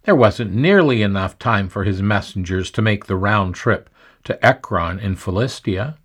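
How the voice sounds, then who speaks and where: A man teaching the Bible in a scripted devotional talk, reading scripture with deliberate emphasis. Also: fairly low pitch, expressive, slightly rough.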